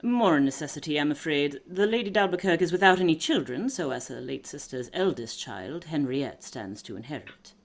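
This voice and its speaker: A woman's voice: sits low, animated, brisk, few pauses. A woman playing a composed, knowing aristocratic lady detective, self-assured and formal, in a period radio drama.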